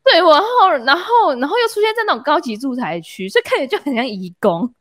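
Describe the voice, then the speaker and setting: Lively young woman with Taiwanese Mandarin accent. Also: high-pitched, fast talker, no echo, clean studio sound. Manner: animated, laughs mid-story, lots of fillers. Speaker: podcast host. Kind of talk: casual storytelling chat.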